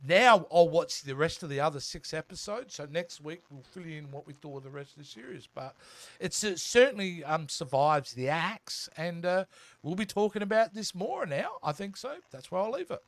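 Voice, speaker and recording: A man's voice: a little high, expressive, moderate pace, fairly bright tone. An Australian man hosting a casual chat show, reading viewer comments and bantering. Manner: bantering, laughs often. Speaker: host.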